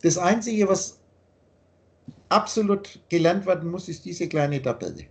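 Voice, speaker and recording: A man's voice: high-pitched, expressive, measured pace, vocal fry. A man explaining his teaching in a long, earnest monologue, often repeating himself, over a video call. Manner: repetitive, earnest, lecturing.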